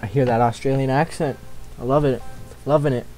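A man's voice: mid-range voice, steady tone, a little fast, darkish tone, soft background music. An eighteen-year-old man with an American accent, streaming a game and teasing his friend with frequent laughs. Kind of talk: casual gaming chat. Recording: noisy, keyboard clicks behind.

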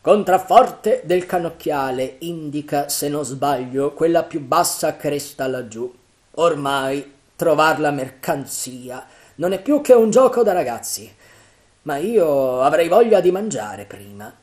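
Male reader as a gruff pirate boss, loud and high-pitched, commanding, lively. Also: slow. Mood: coaxing. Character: cunning one-legged pirate captain, gruff leader.

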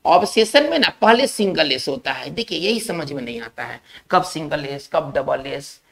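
A male teacher giving a spelling lesson, explaining slowly, repeating key words and checking in with his class. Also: on the high side, lively intonation, vocal fry, fairly bright tone.

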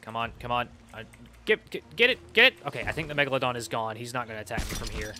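A young man streaming a video game, excitably talking to himself as he plays. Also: mid-range voice, quick pace, slight background noise. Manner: excitable, talks to himself while playing. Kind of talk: live gameplay commentary.

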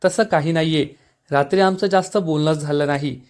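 A man reading as a gentle caring elder sister. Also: fairly high pitch, a little fast, natural voice. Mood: calm.

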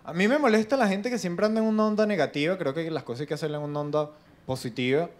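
High-voiced Venezuelan comedian man on stage. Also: quick pace. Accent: Venezuelan Spanish. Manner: animated, acts out other people's voices. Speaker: stand-up comedian. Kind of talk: stand-up comedy routine. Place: live comedy stage with audience.

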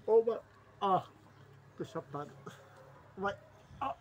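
A man's voice: fairly high pitch, a little slow, muffled recording, a little hiss or hum. A man talking affectionately to his dog in baby talk, laughing and cursing. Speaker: dog owner filming his pet. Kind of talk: casual home video talking to a dog.

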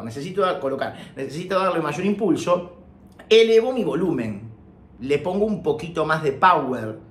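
A man's voice: a little high, reverberant. A man teaching a casual singing technique lesson, chatty and full of joking, self-mocking asides, recorded on a phone. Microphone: phone microphone.

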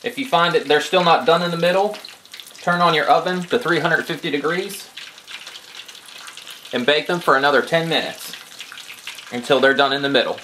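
A man's voice: on the high side, normal speed, pauses often, pushed and bright, slight background noise. Man giving step-by-step recipe instructions. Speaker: cooking show host. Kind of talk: instructional cooking voice-over. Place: home kitchen.

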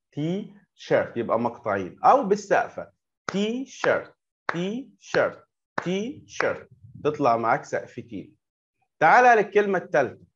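A young adult man with an Egyptian Arabic accent teaching English to young pupils, patiently repeating words and asking checking questions. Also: medium pitch. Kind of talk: online lesson explaining to young pupils. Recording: dull lo-fi recording.

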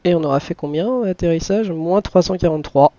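A man's voice: a little high, a little fast, mellow, dry recording, muffled recording. A man giving live flight simulator commentary as a pilot, switching between muttered asides and procedural radio calls. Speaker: flight simulator streamer playing airline pilot.

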